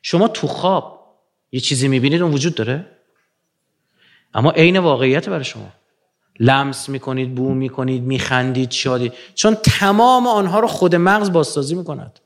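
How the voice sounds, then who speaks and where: A man giving a lecture to an audience, animated, swinging from low murmurs to emphatic rising peaks.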